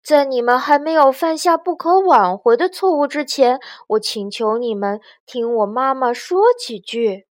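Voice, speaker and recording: A woman voicing a curious young hen girl in a children's story, high and eager. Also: a little slow, hardly any pauses, no room sound, studio quality. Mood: earnest.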